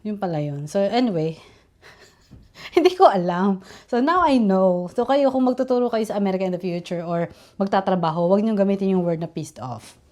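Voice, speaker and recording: A woman's voice: medium pitch, lively intonation, fairly quick, mellow. Young Filipino-accented woman, candid and chatty, mid-range voice, vlog storytelling. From Philippines. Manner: chatty, mixes English and Tagalog, candid. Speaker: vlogger, teacher.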